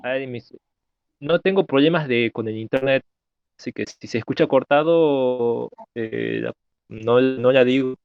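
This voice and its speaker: A male student speaking up in an online class over a choppy connection that cuts out, hesitant and halting with many fillers and restarts. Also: mid-range voice, gravelly, clear, resonant tone, no echo. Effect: choppy online call connection, cutting out. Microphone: video call. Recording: tinny, dry call audio.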